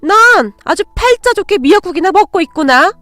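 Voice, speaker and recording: A woman voicing a harsh, greedy middle-aged mother who scolds and shouts at her grown daughter. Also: extremely high pitch, sing-song, normal speed, dry recording, faint music behind, pitched above the performer's own voice, heavily acted. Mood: scolding.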